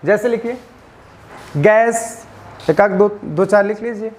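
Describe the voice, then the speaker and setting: A man teaches English grammar in a high-pitched voice. He spells endings out letter by letter and slows down on them. He keeps asking the class questions and answering them himself. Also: a little mellow. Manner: spells out letters slowly, stresses pronunciation. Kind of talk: classroom lecture.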